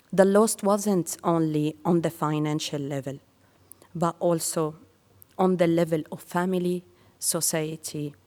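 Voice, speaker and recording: A woman from Syria giving a prepared speech to an audience in measured, earnest phrases. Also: low-pitched, a little mellow, long reverb tail. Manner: slow and measured, with earnest pauses. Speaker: speaker sharing her career story.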